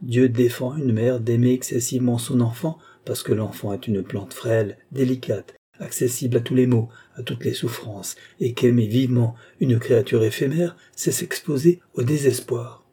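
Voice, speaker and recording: A calm, reasoning old doctor, voiced by a man reading aloud, his tone dark and mellow, slightly husky, and softly lowered. He lays out his argument patiently. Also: normal speed, few pauses. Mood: explaining. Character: measured elderly male doctor, calm and reasoning.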